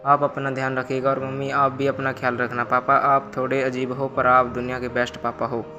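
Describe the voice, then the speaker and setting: A man's voice: medium pitch, completely flat delivery, fairly quick, muffled recording, natural voice. A man reading as a caring young daughter. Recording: music bed underneath. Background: music.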